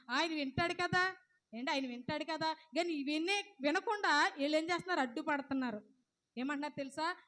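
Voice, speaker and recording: A woman's voice: high voice, a bit bright. A woman preaching a sermon. She keeps asking the congregation questions and answering them, and acts out what others say in a raised voice. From India. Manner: acts out the quoted speakers in a raised voice.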